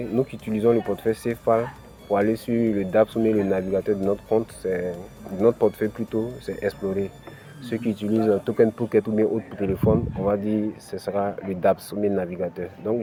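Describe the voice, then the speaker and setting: A man with an African French accent hosts a crypto channel, leading viewers through a screen-recorded tutorial step by step with many "ok" and "voilà" fillers. His warm, steady voice sits on the low side and runs a little fast, over soft background music.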